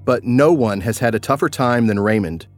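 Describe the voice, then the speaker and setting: A male podcast host delivers scripted narration with a measured storytelling manner. His pitch moves in a lively way, over faint music.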